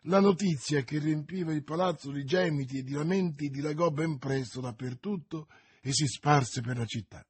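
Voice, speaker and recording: A man reading a novel aloud with dramatic, expressive narration. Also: fairly high pitch, moderate pace, breathy edge, no room sound.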